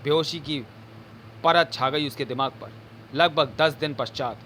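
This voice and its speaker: A man reads a horror comic aloud with theatrical, suspense-building flair. His voice is bright and sharp, sitting slightly high, with a faint hiss of noise behind it. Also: a little slow. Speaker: narrator. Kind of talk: dramatic audio comic narration.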